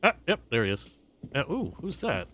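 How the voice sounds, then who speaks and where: A man's voice: fairly high pitch, wildly swooping pitch, normal speed, pushed and bright. A man streaming a video game, chatty and joking as he plays. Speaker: let's play streamer. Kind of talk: casual gameplay commentary.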